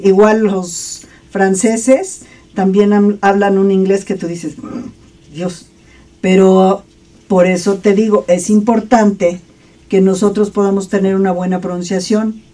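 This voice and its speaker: A woman's voice: mid-range voice, mellow, distant mic. A woman with a Mexican Spanish accent teaching an English lesson, drilling phrases over and over for her students.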